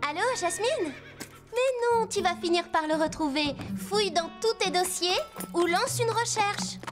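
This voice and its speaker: A phone-obsessed teenage girl in a cartoon chatters eagerly and reassures her friend on the line. The voice sits very high. A music bed plays clearly behind her. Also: lively intonation, unhurried. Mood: helpful. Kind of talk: French cartoon dub.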